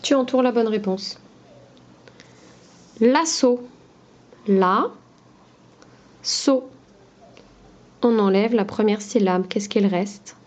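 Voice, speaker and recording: A woman teacher talking slowly and patiently to young children, spelling out each word syllable by syllable. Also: medium pitch, darkish tone.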